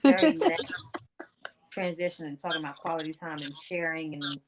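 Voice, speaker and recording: A woman's voice: low-pitched, a little fast. A woman in her thirties hosting a podcast, chatting casually and steering the conversation with exclamations. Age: 30s. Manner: lively, exclamatory, steers the talk. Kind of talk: casual chat. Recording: noisy recording.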